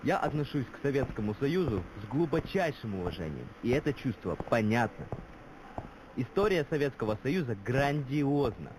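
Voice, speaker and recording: A man's voice: mid-range voice, very animated, moderate pace, close to an everyday voice. A man acting a fervent, grandiose patriot who longs for Soviet glory, declaiming solemnly in a scripted dramatic speech. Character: fervent Soviet-nostalgic Russian patriot orator, grandiose and menacing. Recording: clearly noisy background ambience.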